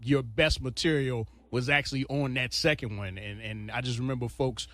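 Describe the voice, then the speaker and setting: A man's voice: mid-range voice, fairly even intonation, normal speed, a bit bright, no room sound. A man hosting a radio interview, talking eagerly and conversationally like a fan. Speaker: radio host.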